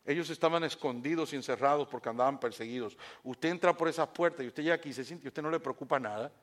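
A male pastor preaching a sermon in church, swinging from shouted lines down to quiet, hushed stretches and asking the congregation questions. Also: medium pitch, quick pace.

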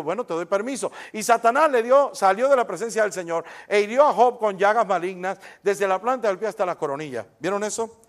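A male pastor preaching a sermon, reading scripture and firing rhetorical questions at the congregation. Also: high voice.

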